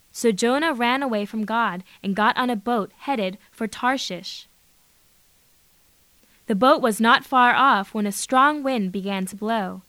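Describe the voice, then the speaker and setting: A woman narrating a children's Bible story in a simple, even storybook manner. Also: medium pitch, no room sound.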